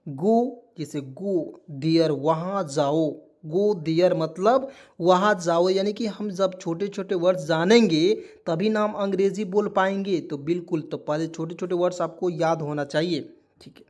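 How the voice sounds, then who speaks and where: With a high, slightly mellow voice, fairly even intonation and a measured pace, a man teaches beginners online. Calling his listeners friends throughout, he spells out words letter by letter, repeats each point, and tests them with rhetorical questions.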